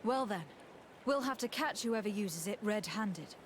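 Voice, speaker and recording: A woman's voice: medium pitch, animated, a little slow, background noise, close to an everyday voice. A woman playing a composed, courteous noblewoman legate in a video game, formal and self-assured. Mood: resolute. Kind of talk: video game character acting.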